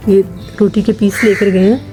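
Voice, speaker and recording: A woman's voice: mid-range voice, little pitch movement, normal speed, over music. A woman family vlogger from Pakistan giving amused, chatty live commentary while filming birds outdoors.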